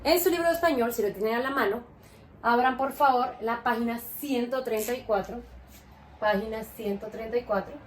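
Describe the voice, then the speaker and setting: A woman's voice: on the high side, normal speed, a little hiss or hum. A woman teaching a grade-school lesson, asking the children questions and praising their answers with patience.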